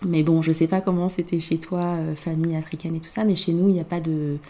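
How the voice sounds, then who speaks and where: A woman's voice: sits low, steady tone, fast, warm tone. A woman from Côte d'Ivoire talking in a casual podcast conversation, reflective and hesitant, with many fillers.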